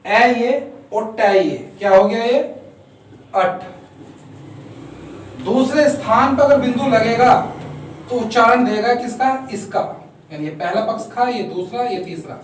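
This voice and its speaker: A man's voice: extremely high pitch, a little slow, long pauses, a little hiss or hum. A man teaching a shorthand lesson step by step, counting out strokes and answering his own questions. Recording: very echoey room, voice far from mic.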